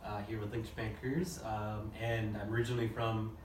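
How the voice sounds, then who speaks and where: Quick low-voiced guy from new jersey, easygoing chat, echoey and far from the mic. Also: flat delivery, slight background noise. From New Jersey, United States. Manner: quick, easygoing, many uhs. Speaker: recruiter. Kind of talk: casual panel chat. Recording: echoey room, mic at a distance.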